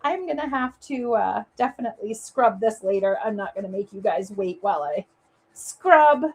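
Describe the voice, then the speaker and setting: This Maine woman, speaking with a Maine accent, hosts a live papercraft demonstration and talks to viewers while crafting. Her mid-range voice is darkish in tone, with lively intonation at normal speed.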